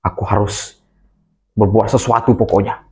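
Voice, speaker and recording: A man voicing a jealous, angry young man in a storybook telling, complaining in a high, whiny voice. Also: steady tone, normal speed, dark tone, lightly acted. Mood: scheming.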